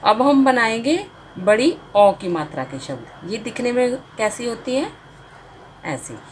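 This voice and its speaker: A woman's voice: on the high side, big pitch swings, measured pace, slight background noise, rough recording. A woman teaching a beginner spelling lesson, sounding out letters and marks one by one and drawing out each finished word.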